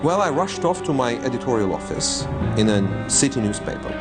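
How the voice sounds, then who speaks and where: A man, a former reporter, recalling events as an animated storyteller in an interview. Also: medium pitch, fairly quick, loud music behind the voice. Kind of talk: interview recollection.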